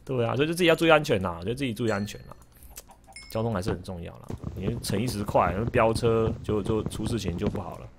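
A man's voice: fairly low pitch, fast, noisy background. A man with a Taiwanese Mandarin accent chatting on a game livestream, telling stories with lots of stammered repeats and joking with his chat. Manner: animated storytelling with frequent stammered repeats; jokes with the chat. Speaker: game streamer. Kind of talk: casual livestream chat while gaming.

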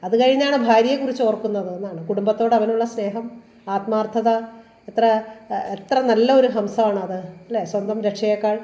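Mellow-voiced woman teacher, echoey room. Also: mid-range voice, fairly even intonation. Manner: chants verse lines slowly, then explains them plainly; asks rhetorical questions to students. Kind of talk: exam-prep literature lesson.

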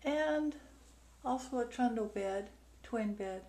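A rental host with a slightly high, darkish voice takes her time leading a casual tour through the house. She speaks in brief descriptive phrases as she goes from room to room. The recording, made with a handheld camera's built-in microphone indoors, is noisy.

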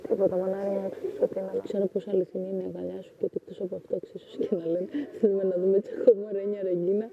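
Woman contestant, gravelly, affectionate casual chat, lo-fi recording. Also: mid-range voice, flat delivery. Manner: affectionate, retelling what she said. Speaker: reality show contestant. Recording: dull lo-fi sound.

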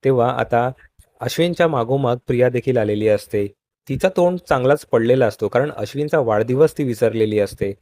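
A man narrating a TV serial recap in steady storytelling voice-over, addressing viewers as friends. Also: medium pitch, fairly quick. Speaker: show recap host.

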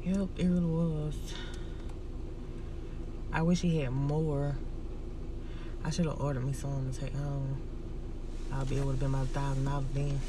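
A woman's voice: very deep voice, unhurried, pauses often, background noise. Chatty woman in a car. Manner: relaxed, chatty, Southern US slang like y'all and finna. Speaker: vlogger. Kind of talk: casual vlog chat. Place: inside a car.

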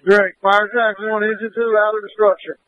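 A man's voice: high voice, level tone, brisk. A male firefighter giving clipped fireground traffic over a two-way radio, repeating key phrases. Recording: tinny two-way radio transmission.

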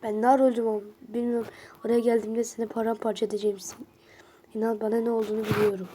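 A woman's voice: on the high side, level tone, rapid-fire, warm tone, slight background noise. A young woman with a stuffy nose reads a horror chat aloud to her viewers, swearing bluntly and casually as she goes. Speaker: vlogger.

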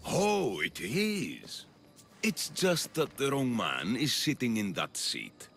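In this video game dialogue, a male actor portrays a scheming, grandiose populist politician from ancient Athens with heavily acted, gravelly oratory. His medium-pitched, slightly bright voice moves slowly with huge pitch swings and an insinuating air. Soft music plays in the background.

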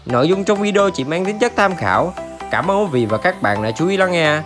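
A man narrates a news report from a script. His voice sits fairly high for a man and moves with animated intonation. The delivery is formal, in the manner of a channel news reader. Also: a little fast, music in the background.

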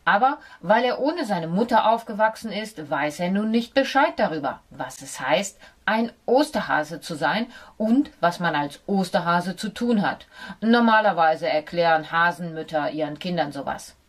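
A woman voicing a know-it-all male dog who talks gruffly and a little condescendingly in an audiobook for children. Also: fairly low pitch, animated, moderate pace. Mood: lecturing. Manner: gruff, lecturing, a little superior. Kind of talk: audiobook character voice.

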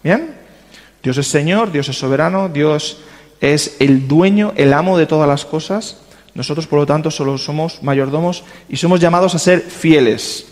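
Man, church lesson, fairly high voice, long reverb of a hall, chatty tag questions. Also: normal speed, a little mellow. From Spain. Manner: conversational, checks in with frequent tag questions. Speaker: church teacher.

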